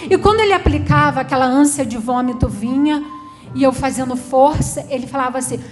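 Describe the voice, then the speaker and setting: A woman with a high voice and a Brazilian Portuguese accent tells her testimony like a pastor. She speaks fervently and dramatically, often repeating her phrases. Clear music plays under her voice. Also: a little fast. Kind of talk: emotional personal testimony.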